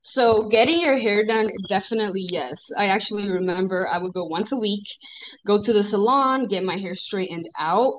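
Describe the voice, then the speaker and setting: A woman in her twenties from the Dominican Republic, a guest on a podcast, talking in a friendly, relaxed way over a video call. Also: mid-range voice, moderate pace, slight background noise. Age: 20s. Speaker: guest, esthetician. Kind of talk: casual interview chat. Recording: dull video-call audio.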